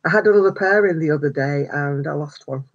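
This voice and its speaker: An older woman, a crochet vlogger, hosts a casual live stream, chatting and greeting viewers by name between little laughs. Her voice is low and she talks fast. The home stream audio sounds slightly dull.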